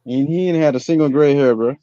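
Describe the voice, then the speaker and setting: A man in his forties chats casually in a laid-back way, saying "bro" a lot. His voice is on the high side but dark in tone, and he talks fast. There's no room sound, and the recording has a dull lo-fi quality.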